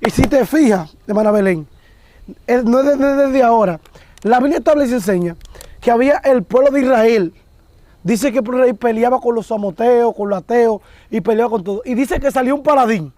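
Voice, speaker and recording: High-voiced man preaching. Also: a little fast, mellow, no room sound. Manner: retells scripture as a story, addressing his co-host. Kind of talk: conversational preaching.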